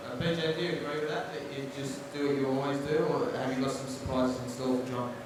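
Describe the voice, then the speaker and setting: A man's voice: medium pitch, little pitch movement, quick pace. A man asking questions as a reporter at a press conference. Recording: echoey press hall, distant, noisy.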